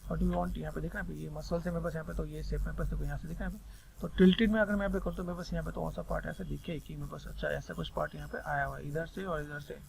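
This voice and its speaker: A man with a Hindi accent talks fast through a screen-recorded sculpting tutorial, rambling and repeating the same filler phrases over and over. His voice sits slightly high with a gravelly edge. Faint noise hums under the recording. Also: level tone.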